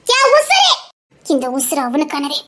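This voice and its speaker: A woman's voice: sits high, wildly swooping pitch, measured pace, bright, forceful tone, exaggerated voice. A woman with a Tirunelveli accent playing a devoted young heroine in a dramatic serial, speaking with heartfelt, defiant conviction. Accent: Tirunelveli Tamil. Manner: defiant, then sorrowful and pleading.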